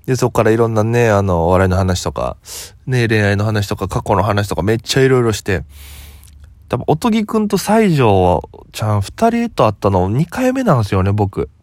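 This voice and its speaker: A young comedian from Okinawa, just woken up, telling a rambling story in a relaxed solo talk. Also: male voice, lowish voice, normal speed, no echo. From Okinawa, Japan. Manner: relaxed rambling storytelling, quoting others as he goes. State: just woken up, voice lower than usual.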